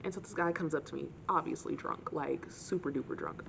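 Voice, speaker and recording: A young female vlogger with a gravelly, lowish voice talks directly to the camera in a casual storytime chat, speaking a little fast. Her storytelling is animated and full of sarcasm, and a faint hiss runs beneath the recording.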